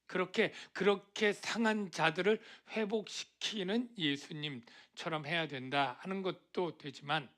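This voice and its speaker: Male pastor, middle-aged, slightly high and bright timbre, chatty question-asking sermon delivery. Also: unhurried, few pauses. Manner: conversational preaching, asks the congregation questions, acts out quoted voices. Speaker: senior pastor.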